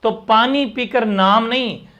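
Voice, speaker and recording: High-voiced energetic male teacher. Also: slow pace, dull audio. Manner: energetic, keeps checking in with students. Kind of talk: live online grammar class.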